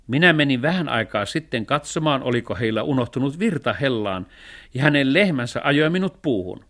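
A man's voice: medium pitch, lively intonation, a bit bright. A man voicing a nosy, fussy village postman in a radio storybook reading, pedantic and officious. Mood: chatty.

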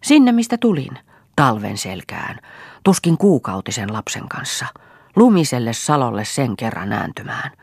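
A woman's voice: a bass voice, very animated, creaky, slightly rough, no room sound, studio quality, full character voice. A woman reading an audiobook, voicing a proud, desperate young mother who snaps back defiantly. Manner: sharp, defiant retorts.

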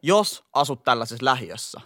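A podcast co-host from Helsinki's eastern suburbs in Finland speaks with a local slang accent, giving emphatic, lecturing advice in casual chat. His mid-range voice is very animated and fairly bright, recorded in clean studio quality with no room sound.

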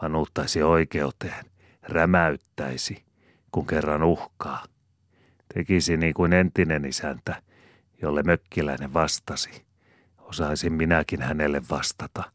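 A man reading the part of a talkative old farmhand spinning a yarn for his fellow haymakers, his voice very deep and lifted a touch for the telling. It sounds close and dry, as in a small booth, like an old storybook reading. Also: fairly even intonation, a bit bright, no echo. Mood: storytelling.

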